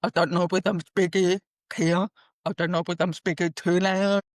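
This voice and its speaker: A woman born profoundly deaf, answering interview questions earnestly in halting, unusual phrasing over a video call. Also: fairly low pitch, level tone, no room sound, clean studio sound. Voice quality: deaf speech, her hearing profoundly impaired from birth. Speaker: guest.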